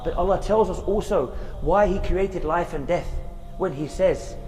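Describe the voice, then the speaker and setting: A man's voice: high voice, unhurried, in a large hall, over music. A man giving an earnest religious reminder outdoors in a graveyard, repeating phrases for emphasis and reciting verses. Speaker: Islamic preacher.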